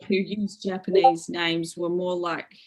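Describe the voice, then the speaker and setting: In a rough recording, a fairly low, slightly mellow female voice speaks with flat delivery and no hurry. She's a middle-aged media lecturer being interviewed in an academic talk, thoughtfully explaining with many fillers, hedges and restarts.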